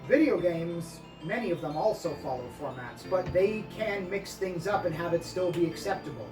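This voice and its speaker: A podcast co-host with a mid-range, animated voice talks at normal speed in a casual discussion, opinionated, rambling, emphatic and swearing freely. The distant mic picks up a roomy echo, with music playing behind.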